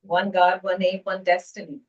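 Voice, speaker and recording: A woman hosting a faith discussion, prompting guests in a measured way. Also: lowish voice, little pitch movement. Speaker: host. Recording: distant, dull lo-fi sound.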